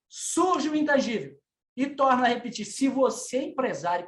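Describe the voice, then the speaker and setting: A middle-aged man with a Brazilian Portuguese accent giving a lecture to business owners on tax matters. He teaches didactically, addresses listeners directly and asks them rhetorical questions. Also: extremely high pitch. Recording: echoey room.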